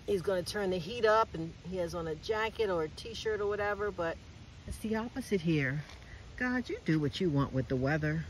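Soft-spoken man praying outdoors. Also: sits high, a little hiss or hum, poor audio. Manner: soft-spoken, talks aloud to God and to flowers. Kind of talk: prayerful walking vlog. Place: outdoors among gardens near a beach.

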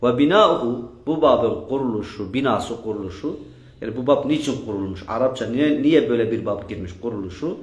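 A man teaches a grammar class, quizzing his students over and over and repeating their answers back to them. His voice sits at a middle pitch. It rings in an echoey room. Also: lively intonation, fairly quick. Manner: drills students with repeated questions. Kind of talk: classroom lesson with question and answer.

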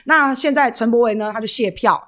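A woman's voice: on the high side, a little fast, a bit bright. Chatty Taiwanese livestream host woman. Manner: chatty, greets viewers by name, reads donations; rambling, frequent fillers and tag questions. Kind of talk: casual political livestream chat.

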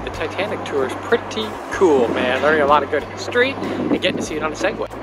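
A middle-aged man chatting casually outdoors in a travel vlog, relaxed and a bit rambling. His voice sits high for a man, and music runs underneath. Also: fast talker. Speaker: travel vlogger co-host. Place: outdoors on the road. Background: background music.

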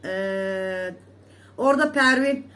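A woman's voice: medium pitch, slow pace, fairly bright tone, a little hiss or hum. Indignant woman ranting to her viewers. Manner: indignant, scolding rant; repetitive, emphatic oaths. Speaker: vlogger. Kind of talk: casual monologue to viewers.

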